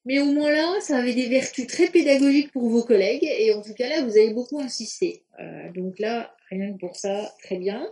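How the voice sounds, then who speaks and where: A woman's voice: a little high, normal speed, hardly any pauses, warm tone. Hesitant woman teacher on a video call. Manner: hesitant, many restarts and fillers. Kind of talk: casual spoken feedback. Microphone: video call on computer.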